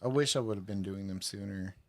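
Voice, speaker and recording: A man's voice: fairly low pitch, brisk, no echo. A tipsy man hosting a live stream, chatting casually and rambling, laughing often. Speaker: podcast and stream host.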